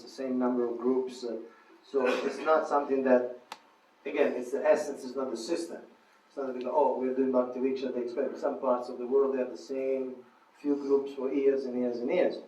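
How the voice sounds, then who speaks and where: A man's voice: high voice, fairly bright tone, slight background noise. Male seminar teacher in an echoey hall. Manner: thoughtful, repeats and restarts phrases, laughs at own stories. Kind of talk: lecture answering questions. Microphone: far room mic. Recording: echoey room from far off.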